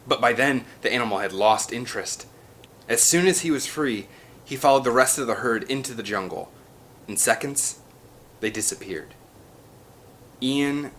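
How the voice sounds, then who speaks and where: A man in the audiobook reader role narrates a children's adventure novel from a script, leaning into an emphatic, theatrical style. His voice is mid-range and fairly bright in tone.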